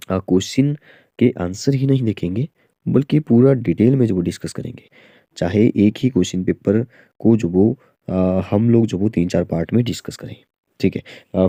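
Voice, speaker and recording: A man teaches exam maths in an unhurried, stepwise way, with plenty of filler sounds. His voice is low and very mellow. The recording is close and dry. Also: no echo. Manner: explains slowly with many fillers and "theek hai". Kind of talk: online exam-prep lesson.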